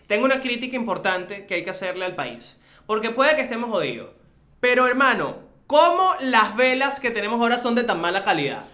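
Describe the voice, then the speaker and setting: A young Venezuelan man with a Venezuelan Spanish accent, co-hosting a casual chat, talking rapidly with animated, joking exasperation. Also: very high-pitched, roomy sound.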